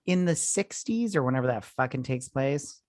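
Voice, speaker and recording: A man's voice: mid-range voice, expressive, moderate pace, darkish tone, no echo. Tipsy, profane male podcast host, close dry sound. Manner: profane, exclamatory, mock-outraged; drinking, tipsy. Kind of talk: casual comedic chat about movies.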